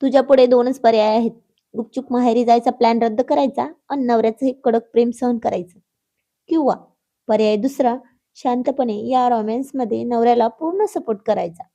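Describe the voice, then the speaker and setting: A playful adult husband teasing his wife with mock-stern, bossy lines, as a woman narrator voices him. The voice stays mellow and warm, with a slightly high pitch for a man. It has the feel of a read-aloud family storybook. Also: brisk. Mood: hushed threat. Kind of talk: acted dialogue in a read story.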